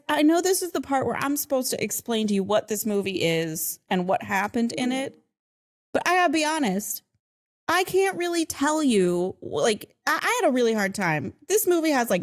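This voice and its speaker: A woman hosting a podcast in casual chat, playful and laughing often, at a studio table. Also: fairly high pitch. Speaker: podcast host.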